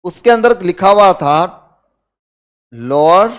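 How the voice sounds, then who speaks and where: A man with a high voice and an Indian accent lectures a class, constantly posing rhetorical questions to his students. His voice comes through smooth and clear. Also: fairly even intonation, normal speed. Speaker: teacher.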